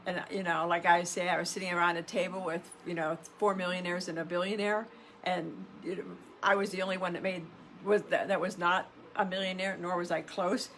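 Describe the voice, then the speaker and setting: A woman's voice: fairly low pitch, level tone, brisk, fairly bright tone, slight background noise. A middle-aged woman giving a conversational motivational talk in the manner of a self-help influencer, emphatic, repeating phrases and posing rhetorical questions. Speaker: self-help podcast host and coach.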